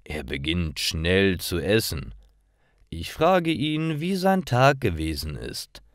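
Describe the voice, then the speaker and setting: In a very deep voice, a man narrates simple stories for language learners, reading slowly and carefully with expressive rises and falls. Each short scripted sentence comes out deliberately, in studio-quality audio with no room sound.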